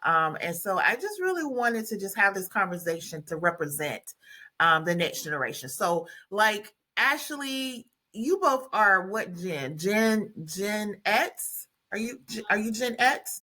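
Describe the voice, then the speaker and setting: A woman's voice: medium pitch, big pitch swings, measured pace, bright, forceful tone. A middle-aged woman hosting a podcast, talking casually with her nieces, with many fillers and restarts. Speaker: podcast host. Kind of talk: casual family conversation.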